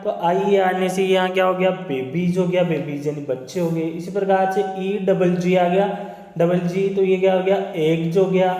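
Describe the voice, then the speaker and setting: A man's voice: high-pitched, steady tone, normal speed, dark tone. A man teaching English phonics to children, spelling words out letter by letter and asking and answering his own questions. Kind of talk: spoken lesson on English phonics. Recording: roomy echo with long reverb.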